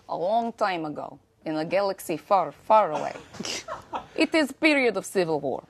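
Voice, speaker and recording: A woman's voice: on the low side, animated, slight background noise. A woman putting on a heavy Russian accent. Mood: playful. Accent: Russian, put on. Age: 40s. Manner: halting, dropped articles, breaks into laughter. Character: woman reading a space-saga opening crawl in a put-on accent.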